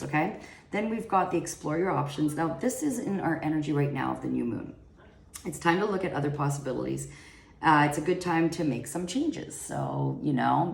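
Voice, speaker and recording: A woman's voice: deep voice, echoey room. A woman giving a casual tarot reading straight to her viewers, rambling with plenty of fillers and restarts. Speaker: tarot reader.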